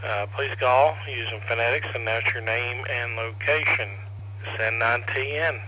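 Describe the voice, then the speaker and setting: A man's voice: mid-range voice, fairly even intonation, normal speed, sharp tone, rough recording. A man hosting a ham radio net as controller, casually calling for check-ins and passing turns. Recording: faint noise on radio net audio.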